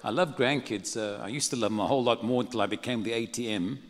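A man's voice: mid-range voice, quick pace, in a large hall. An older man from Africa, preaching a sermon in a humorous, conversational way. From South Africa. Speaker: pastor.

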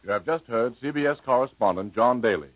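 A man's voice: medium pitch, brisk, no room sound. An American man making formal network announcements in the style of a 1940s old radio announcer. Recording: dull 1940s radio recording.

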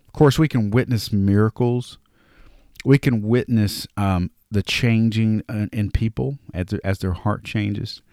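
A man with a Southern drawl talks casually through Bible verses, reading scripture aloud between loose, conversational asides. His voice sits fairly low, and the recording is dry and close. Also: darkish tone, dry recording. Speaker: podcast host. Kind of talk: casual Bible study talk.

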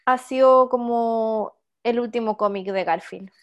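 A woman joins a casual chat with short, agreeable replies. Her voice sits a little high. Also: measured pace, highs cut off.

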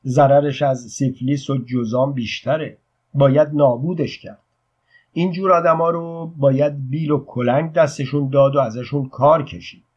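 A man's voice: mid-range voice, slightly rough, lo-fi sound, close to an everyday voice. A man voicing a contemptuous man who scorns superstition and speaks harshly.

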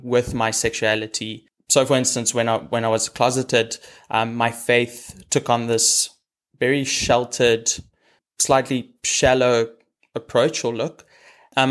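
On a video call, this young Afrikaans-speaking South African guest talks in a casual, thoughtful way, often pausing with ums and starting over. His voice is mid-range and a little bright.

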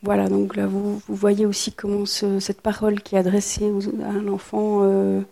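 A woman author reads her own plays aloud to a live audience in a soft, mellow voice. Between readings she comments and pauses often to search for words. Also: mid-range voice, completely flat delivery, creaky.

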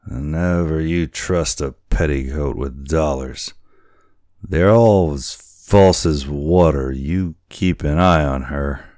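A man's voice: extremely low pitch, slow, a little mellow, no echo, clean studio sound. A man voicing a brutal old male ship's boatswain in a storybook reading, drawling and coarse. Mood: scornful.

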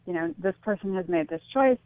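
This middle-aged woman is being interviewed on the radio by phone, and she explains her thoughts earnestly and reflectively, with many a "you know." Her lowish voice has lively intonation and moves a little fast. The line sounds thin and dry, with no room sound.

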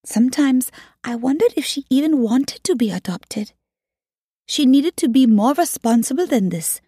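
Woman audiobook narrator, measured reading, higher voice with a husky edge. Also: animated, mellow, dry recording, clean studio sound.

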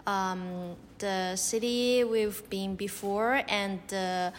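A woman's voice: medium pitch, steady tone, very slow. A young woman from China, hosting a casual podcast chat, hesitant with many fillers. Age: young adult. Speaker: podcast host. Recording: reverberant room, faint noise.

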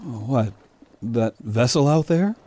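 A man's voice: medium pitch, lively intonation, slow pace, a little mellow, slight background noise. Mild, genteel ship's physician male actor, formal and drily witty, varied intonation, period maritime audio drama. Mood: mild, doubtful. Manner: hesitant, politely formal, dry wit. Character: genteel, bookish ship's doctor, mild landlubber.

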